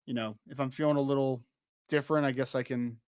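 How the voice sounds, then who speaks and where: The studio-quality recording is smooth, with no echo, capturing a young man's medium-pitched, darkish voice, slightly worn as though he's losing it. He hosts a live-stream podcast at a quick pace with fairly even intonation, reading from the chat, rambling, laughing easily, and peppering his talk with restarts and "like."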